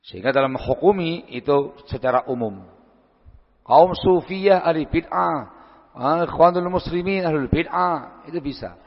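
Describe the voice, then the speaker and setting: A man preaching and answering questions at a religious gathering, lively and acting out short everyday conversations as he teaches. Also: a little high, moderate pace. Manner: lively, acts out short everyday dialogues, frequent Arabic phrases. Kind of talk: lecture-style Q&A sermon. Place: large hall at a study gathering. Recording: dull lo-fi sound, long hall reverb.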